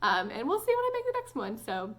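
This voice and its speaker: A young woman chats to her camera at home in a slightly high voice. She talks loosely, with easy giggles and plenty of "like" and "um" along the way. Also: wildly swooping pitch, fast, a bit bright. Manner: chatty, giggly, lots of "like" and "um". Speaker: vlogger. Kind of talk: casual chat to camera.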